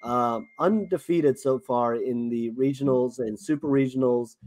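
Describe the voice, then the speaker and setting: A man's voice: mid-range voice, a little slow, a little mellow. A man with a South African accent co-hosting a sports podcast, talking casually with many fillers and restarts. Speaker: podcast co-host.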